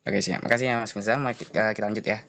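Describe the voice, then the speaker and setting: A man's voice: lowish voice, fairly even intonation, racing, fairly bright tone. A man moderating a student video call politely, with lots of fillers. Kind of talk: moderating an online presentation.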